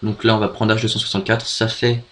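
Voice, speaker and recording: A man's voice: on the low side, flat delivery, fast, bright, forceful tone, a little hiss or hum. French man hesitantly walking through a tutorial. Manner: hesitant, many fillers and restarts. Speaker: video tutorial maker. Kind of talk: screen-recorded software tutorial.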